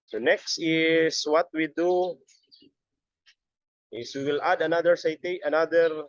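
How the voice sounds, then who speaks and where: Slow-paced male tutorial instructor, dull audio. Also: fairly high pitch, dry recording. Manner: halting, repeats words and phrases. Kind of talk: step-by-step software tutorial. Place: busy area, on a video call or webcam setup.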